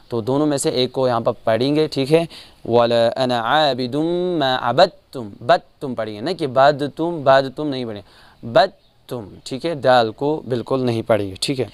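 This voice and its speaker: A man with a Kashmiri accent teaching Quran recitation rules, explaining calmly and chanting each verse slowly, repeating sounds to correct mistakes. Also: medium pitch, clean tone, no echo. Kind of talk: tajweed lesson with chanted examples.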